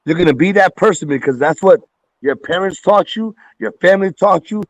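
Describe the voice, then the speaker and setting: A man's voice: sits high, lively intonation, fairly quick, dry recording, dull audio. A man from Puerto Rico hosting a call-in stream, debating heatedly, repeating words as he starts and swearing freely.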